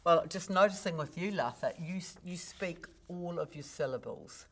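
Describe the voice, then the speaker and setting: Expressive low-voiced New woman coach. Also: normal speed. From New Zealand. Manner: expressive, demonstrates pitch with big vocal swings. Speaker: speaking coach, guest. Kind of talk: podcast interview.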